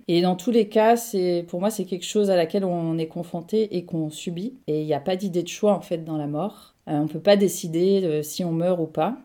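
A woman answering questions in a casual interview, thinking aloud with frequent pauses and fillers. Her voice sits low for a woman, dark and mellow in tone. She sounds reflective and searching for her words. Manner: thoughtful, hesitant with frequent fillers. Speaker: interview guest.

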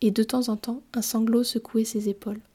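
A woman reading a storybook aloud in a calm, measured way. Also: on the high side, husky. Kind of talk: scripted storybook narration.

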